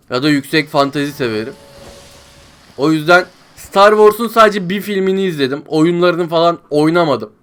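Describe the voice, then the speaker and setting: A man commenting on his own gameplay as a let's-play host, talking to his viewers like friends, grumbling in frustration and shouting when things go wrong. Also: on the high side, smooth. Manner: exasperated, talks to viewers as friends, yells when panicking. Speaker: gaming YouTuber.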